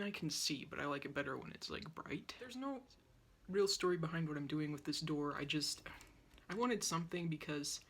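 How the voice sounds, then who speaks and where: A young woman in her twenties, an art vlogger, rambles casually to her phone camera while painting in a small yellow room at home. Her deep, slightly bright voice is husky and wheezy from a sore, dry throat, and she's chatty and self-deprecating as she works. The phone sits close on a tripod.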